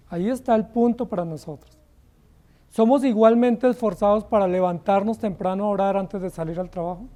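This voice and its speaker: Colombian pastor preaching hard, high voice but mellow tone, keeps asking the crowd questions. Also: male voice. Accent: Colombian Spanish. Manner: impassioned preaching, rhetorical questions, slows down to stress words. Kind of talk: sermon.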